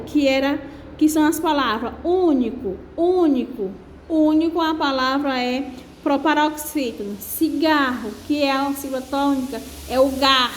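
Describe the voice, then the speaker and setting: A woman with a Brazilian accent teaches a lesson, speaking high and explaining slowly with frequent fillers and restarts. Her voice rings in an echoey room at home, with faint noise behind it. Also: darkish tone. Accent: Brazilian Portuguese. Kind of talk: lesson on a reading exercise.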